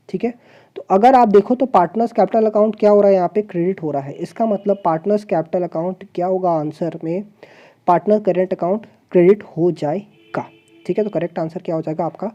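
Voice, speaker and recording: Woman commerce tutor, deep mellow tone, quizzes students rhetorically, muffled lo-fi audio. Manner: explains step by step, asks the class rhetorical questions; mixes English terms into Hindi explanation. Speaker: commerce teacher. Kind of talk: online exam-prep class.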